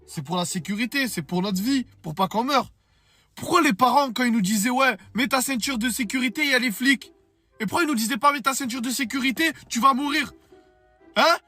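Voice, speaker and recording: A man's voice: very high voice, brisk, pushed and bright, faint music behind, heavily acted. A man voicing a dim-witted young man who rambles through silly questions in street slang. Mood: puzzled. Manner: rambling, puzzled street talk.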